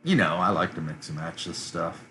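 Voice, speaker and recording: A man casually thinking aloud as he builds a fantasy village map for tabletop games, relaxed and rambling. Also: low voice, normal speed, slight background noise. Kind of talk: casual commentary while drawing a map.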